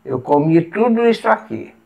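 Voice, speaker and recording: A woman with a Brazilian Portuguese accent, patiently showing step by step how to eat at the table and pausing to eat as she goes. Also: fairly low pitch, animated, creaky, darkish tone, lo-fi sound. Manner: patient, explains step by step while eating. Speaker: etiquette instructor. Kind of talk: casual demonstration.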